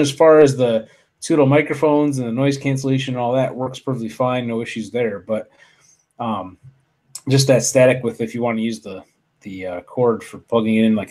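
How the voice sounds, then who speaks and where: A man hosts a casual live-stream chat from his home office through a desktop USB studio mic. His voice is mid-range and a little mellow, and he rambles with lots of fillers, restarts, and mild swearing.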